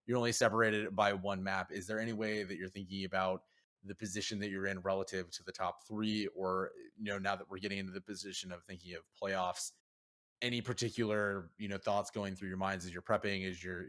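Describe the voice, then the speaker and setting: Low-voiced male esports interviewer, hesitant phrasing. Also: flat delivery, fairly quick, a bit bright. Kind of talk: casual broadcast interview.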